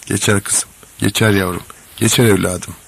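Storybook: male reader plays a kind, earnest foreman; low and husky. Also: fairly even intonation, normal speed. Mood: tender. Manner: pleading, urgent. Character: kindly male foreman calming a madman.

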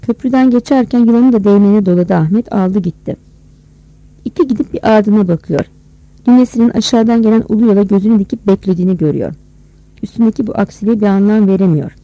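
A storyteller reading a village tale aloud in a steady, measured way. The voice sits mid-range, with a gravelly fry and a dark, mellow tone. The recording is dry and close-miked. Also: mid-range voice, dry recording, dull audio. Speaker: narrator.

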